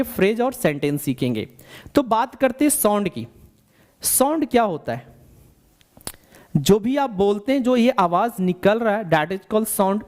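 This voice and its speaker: A man with a high, darkish voice teaches a bilingual spoken English lesson step by step. He repeats questions to the learner and slows down to dictate definitions.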